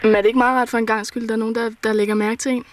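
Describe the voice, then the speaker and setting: A woman reporter asking brisk, probing questions in an old radio interview. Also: fairly high pitch, little pitch movement, a little hiss or hum.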